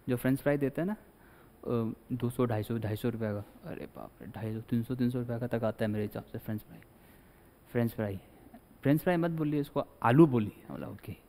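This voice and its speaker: A man's voice: medium pitch, dark tone. A male teacher giving a chatty classroom lecture, acting out little scenes as he explains. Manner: chatty, mixes Hindi with English, acts out little scenes. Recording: long hall reverb.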